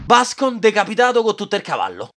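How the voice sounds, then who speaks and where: A man with a Roman accent narrating a comedic anime recap, sarcastic and excitable, with swearing, over loud music. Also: sits high, quick pace, noisy background.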